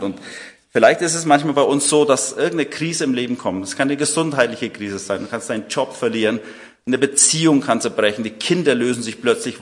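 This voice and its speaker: A male preacher delivering a sermon with slides, in a voice of ordinary middle pitch. He brings the scripture to life by acting out the quotes. His delivery swings between quiet, dropped asides and loud, emphatic bursts.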